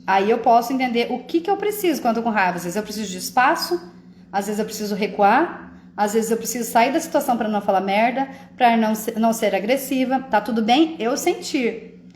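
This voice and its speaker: A woman's voice: a little high, lively intonation, brisk, darkish tone. Woman chatting in an echoey room. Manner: conversational, often asks "entende?". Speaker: live stream host. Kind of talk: casual talk on emotions.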